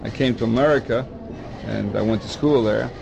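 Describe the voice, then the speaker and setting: A man's voice: medium pitch, moderate pace, creaky, lo-fi sound, noisy background. An older man from the Dominican Republic, a baseball scout, talking at length in an oral history interview and often repeating himself as he goes. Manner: rambling, repeats words and restarts often.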